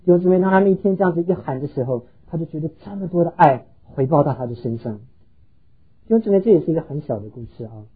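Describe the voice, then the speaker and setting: A man preaching an earnest sermon in a deeply husky, breathy voice that sits fairly high for a man. He speaks directly to the congregation, telling stories and pausing on hesitant fillers. The recording sounds dull and lo-fi. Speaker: pastor.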